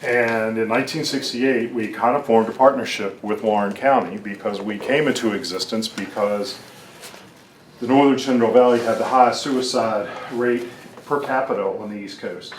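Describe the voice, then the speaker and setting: A man, an agency director, giving a measured presentation at a public meeting. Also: lowish voice, far from the mic. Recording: echoey meeting room with faint hum.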